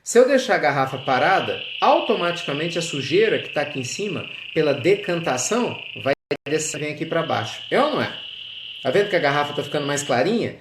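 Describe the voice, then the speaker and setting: A man giving an earnest, reflective spiritual talk, animated and addressing his listeners directly. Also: fairly high pitch, brisk, background noise. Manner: earnest, animated, with teaching asides. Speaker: spiritual speaker. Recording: echoey with loud crickets and frogs.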